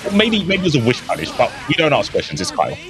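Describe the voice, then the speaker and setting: A man's voice: on the high side, wildly swooping pitch, fast, over music. A man co-commentating a live fighting game with playful, joking banter. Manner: playful banter, loose and laughing. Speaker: esports co-commentator.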